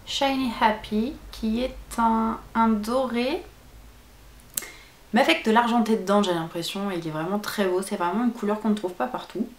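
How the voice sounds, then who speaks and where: Female beauty vlogger, casual and enthusiastic, mid pitch, roomy echo. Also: steady tone, normal speed. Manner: chatty, enthusiastic describing shades. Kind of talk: casual makeup review.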